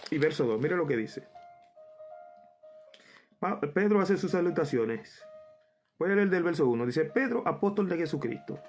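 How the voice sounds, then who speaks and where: A man's voice: on the high side, big pitch swings, moderate pace, long pauses, a little mellow, faint music behind. Spanish-speaking male preacher teaching scripture. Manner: reads verses aloud and restates them, addresses listeners as brother. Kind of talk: sermon Bible study.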